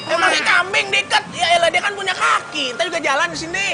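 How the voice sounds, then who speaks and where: An actor playing a grumbling, teasing neighbourhood uncle with a Jakarta accent in a TV comedy-drama. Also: male voice, very high-pitched, quick pace, gravelly. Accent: Betawi Jakarta. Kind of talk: scripted TV comedy-drama acting. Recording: loud street noise and crowd.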